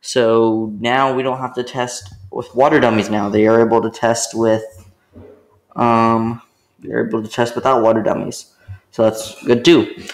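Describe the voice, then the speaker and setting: A man's voice: medium pitch, little pitch movement, unhurried. A young man narrating his theme park vlog as a voice-over, eager and rambling, often restarting his sentences.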